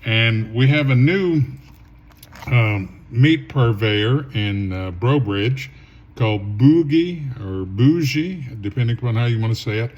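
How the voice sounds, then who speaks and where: Slow, rambling home-cook host. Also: male voice, fairly low pitch, muffled recording. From southern Louisiana. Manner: rambling, opinionated asides. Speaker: home cooking show host. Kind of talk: casual cooking vlog commentary.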